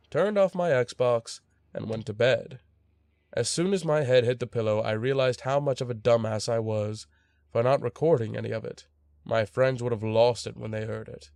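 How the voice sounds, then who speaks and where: A man's voice: mid-range voice, vocal fry, darkish tone, dry recording. Wry young man telling a scary story. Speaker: horror story narrator. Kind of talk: scripted storytelling narration.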